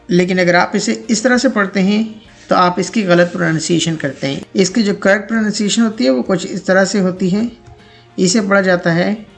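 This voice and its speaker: A man teaching a pronunciation lesson, repeating each word slowly several times so listeners can copy it. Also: high voice, creaky.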